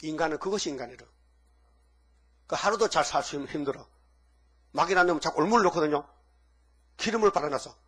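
A man with a husky voice preaching a sermon emphatically, firing off rhetorical questions at the congregation. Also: on the high side, a little fast, long pauses, fairly bright tone. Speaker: pastor.

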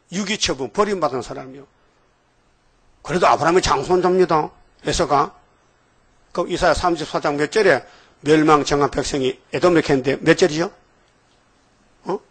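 A middle-aged man preaching a sermon in a church, peppering his congregation with rhetorical questions and folksy asides. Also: on the high side. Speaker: pastor.

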